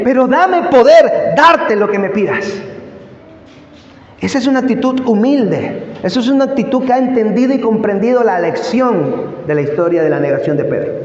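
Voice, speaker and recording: A man preaching a sermon as pastor, emphatic and prone to rhetorical asides to the congregation. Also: sits high. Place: church hall. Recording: echoey church hall, dull lo-fi sound.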